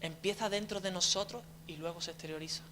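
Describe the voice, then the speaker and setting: A man's voice: high voice, fairly even intonation, quick pace, noisy background. A young man, preaching a conversational sermon as a deacon, telling his story with frequent tag questions and restarts.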